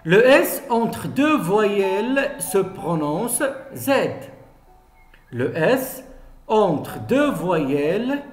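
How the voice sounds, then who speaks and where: A man teaching a children's reading lesson, saying each word slowly and repeating it. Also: high-pitched, big pitch swings, reverberant, soft background music. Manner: slow, repeats each word to be read aloud.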